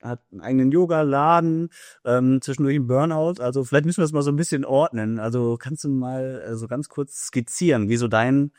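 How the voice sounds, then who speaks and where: A man co-hosting a podcast, asking his guest questions in a relaxed way. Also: medium pitch, brisk, dry recording, studio quality. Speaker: podcast co-host. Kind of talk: casual podcast chat.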